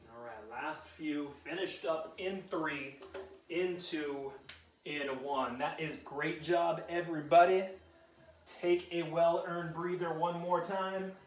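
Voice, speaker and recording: A fitness instructor leads a live workout class, giving upbeat, encouraging countdown cues with a joking edge. His voice is a little high and steady, at a slow pace, with faint music behind and a roomy sound from a distant mic.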